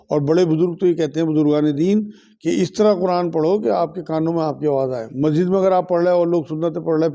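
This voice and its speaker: In a dull, lo-fi recording of a religious question-and-answer session, an Islamic scholar from India echoes every question aloud and then delivers a steady, firm ruling. His voice is mellow yet fairly high.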